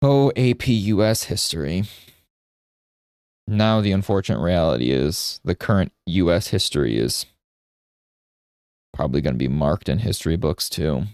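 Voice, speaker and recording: Low-voiced man teaching art, dry sound. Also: lively intonation, normal speed, pauses often, a little mellow, no echo. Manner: rambling storyteller, checks in with "right?". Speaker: art streamer and instructor. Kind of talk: casual teaching while drawing live.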